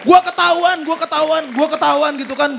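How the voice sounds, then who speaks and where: A young man performing a stand-up comedy set on stage, telling his story in an animated way and acting out the dialogue. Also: extremely high pitch, fairly quick, gravelly, some chatter behind, a little hiss or hum. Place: comedy stage before a live audience. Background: audience laughter.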